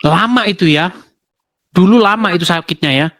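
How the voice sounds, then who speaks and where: A man's voice: sits high, moderate pace, a bit bright, a little hiss or hum. A male host interviewing a caller, prompting her with brief questions and murmured acknowledgements.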